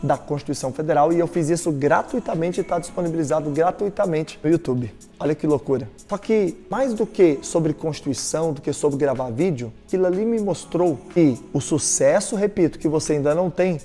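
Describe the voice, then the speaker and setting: A man's voice: on the high side, a little fast, hardly any pauses, warm tone, faint music behind. A man from Brazil giving a motivational talk as a speaker, telling his story emphatically and speaking straight to the listener.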